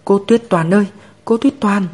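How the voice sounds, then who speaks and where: A man voicing a stubborn, tearful little girl in a storybook reading, in a high childish pleading voice. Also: normal speed, breathy edge.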